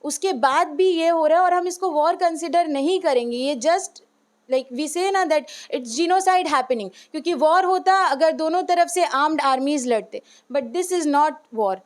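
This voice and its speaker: An unhurried woman teacher with a high-pitched voice answers interview questions in an earnest, heartfelt manner. She alternates Hindi and English and leans on frequent "uh" fillers.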